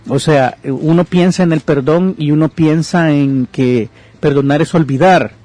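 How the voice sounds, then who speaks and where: A man's voice: a little high, a little slow, dark tone. A man giving pastoral counsel on a podcast, teaching conversationally about forgiveness and retelling and reading a parable aloud with explanatory asides. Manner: reads verses aloud.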